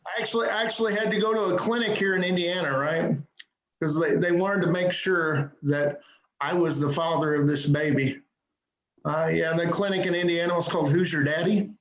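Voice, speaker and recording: A man's voice: a little high, a little fast, dull audio. A man doing a self-deprecating stand-up set over a video call, punctuating jokes with "right?". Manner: self-deprecating, punchy joke delivery with frequent "right?". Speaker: stand-up comedian. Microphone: computer mic on a video call. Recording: echoey room on a video call.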